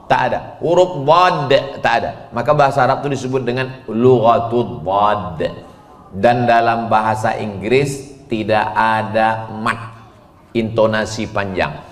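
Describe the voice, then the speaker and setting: A male preacher delivers a playful sermon, tossing questions to his listeners and chanting verses between jokes. He speaks slowly and deliberately. His voice rings through a large echoing hall. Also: lowish voice. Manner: lively, joking, asks the crowd questions and chants verses. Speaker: Islamic preacher. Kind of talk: humorous sermon to a women's audience. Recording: echoey hall sound.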